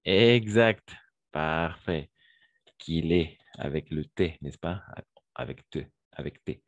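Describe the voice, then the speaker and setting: A man's voice: very deep voice, lively intonation, slow, no echo, dull audio. A man teaching a French grammar lesson online, patiently repeating verb forms and praising his students.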